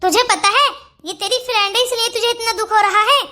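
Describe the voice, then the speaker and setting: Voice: very high voice, fairly even intonation, fairly quick, bright, forceful tone. A performer voicing a sly, bossy older mother-in-law in a Hindi cartoon story, scolding and plotting. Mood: scheming.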